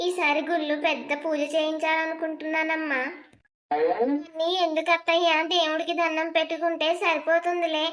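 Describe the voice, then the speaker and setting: A woman's voice: very high voice, monotone, normal speed. A woman voicing a doting old mother-in-law. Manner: affectionate, doting, gently scolding. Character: loving, fussing elderly mother-in-law. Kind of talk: cartoon family drama voice acting.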